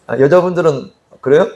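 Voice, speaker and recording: Chatty male pastor, slightly high voice. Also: a little mellow, a little hiss or hum. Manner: conversational, keeps asking the congregation questions. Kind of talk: expository sermon. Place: church sanctuary.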